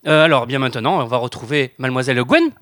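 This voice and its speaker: A man's voice: mid-range voice, expressive, fast talker, fairly bright tone, dry recording, studio quality. A man hosting a family culture magazine on radio, upbeat and announcer-like. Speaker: radio host.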